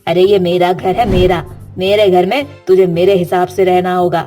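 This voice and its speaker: A woman's voice: lowish voice, little pitch movement, moderate pace, dark tone, faint music behind, close to an everyday voice. A woman voicing a domineering older mother-in-law in a cartoon story, who talks in a harsh, scolding way.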